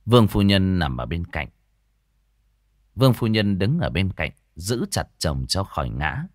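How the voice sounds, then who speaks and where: A man narrating a ghost story in a measured, expressive way. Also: low voice, dry recording, studio quality.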